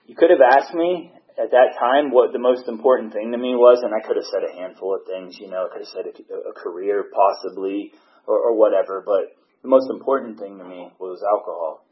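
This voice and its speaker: A man's voice: on the low side, fairly quick. A man giving a candid personal testimony from a podium at a recovery meeting, telling his story plainly. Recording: dull, muffled recording.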